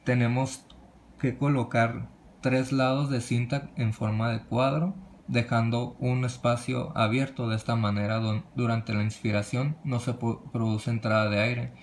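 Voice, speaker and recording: A man presenting a medical lesson from slides, reading in a halting way with frequent restarts and cut-off words. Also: mid-range voice, level tone, slight background noise.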